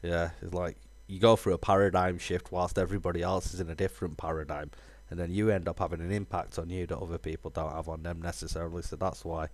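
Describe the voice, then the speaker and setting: A man streaming a game, talking casually in a rambling, halting way with lots of fillers. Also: sits low, level tone. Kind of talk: casual live-stream chat.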